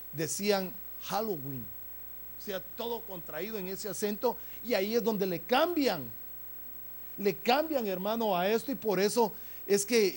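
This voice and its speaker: A pastor delivers a sermon to his congregation in a notably high-pitched voice. He keeps turning to the listeners with brotherly asides and pushes his points with rising emphasis. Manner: preaching with frequent "hermano" asides, rising emphasis.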